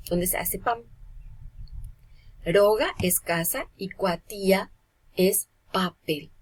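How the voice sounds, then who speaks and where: A woman's voice: fairly low pitch, husky. A woman, teaching a grammar lesson to children online and explaining patiently through examples.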